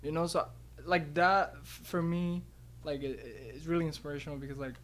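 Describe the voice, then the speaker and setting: A man from Morocco speaks in a radio studio chat with a rather flat, even pitch. He searches for his words, stringing thoughts together with like and um. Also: a little fast. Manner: hesitant, many likes, flat delivery. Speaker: interview guest. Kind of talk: casual interview.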